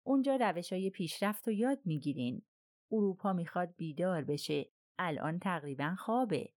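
A blunt, restless businessman, read by a woman narrator in an audiobook, impatient to get busy. Her voice stays lowish, dry and close-miked. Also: lively intonation, a little mellow, dry recording, lightly acted. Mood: frank. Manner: blunt and fidgety. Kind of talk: audiobook character reading.

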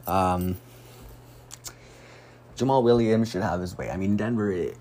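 A man's voice: deep voice, unhurried, warm tone, slight background noise. A man hosting a casual solo fantasy football podcast from a room at home, rambling and swearing freely as he gets sidetracked. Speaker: podcast host. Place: room at home, door nearby.

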